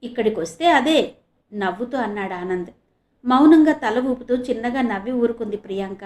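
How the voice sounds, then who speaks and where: Woman narrator, audio novel, calm even delivery, somewhat high voice. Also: a little fast.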